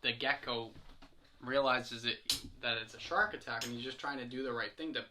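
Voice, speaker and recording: A man's voice: mid-range voice, fairly even intonation, normal speed, noisy background. A young man co-hosting a podcast, chatting casually in a rambling, hesitant way with lots of fillers. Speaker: podcast co-host. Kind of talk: casual chat.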